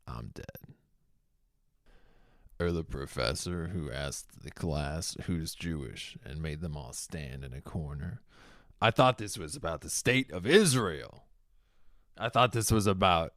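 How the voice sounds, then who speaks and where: A man's voice: sits low, no echo, clean studio sound. A young man from Boston with a Boston accent, hosting a comedy show in a profane, heated rant. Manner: profane, heated, shouting bursts. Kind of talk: stand-up style comedic rant.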